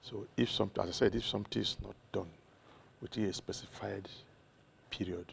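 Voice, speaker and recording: A man with a Nigerian accent, a doctor answering interview questions in a measured way that lists examples one by one. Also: lowish voice, fairly even intonation, gravelly, a little hiss or hum. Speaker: doctor, consultant guest.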